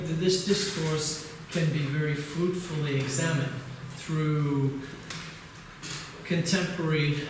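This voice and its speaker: An older man from England giving an academic conference lecture, hesitant, with many uhs and restarts. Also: fairly high pitch. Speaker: keynote lecturer. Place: conference hall. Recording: distant mic, echoey hall, noise.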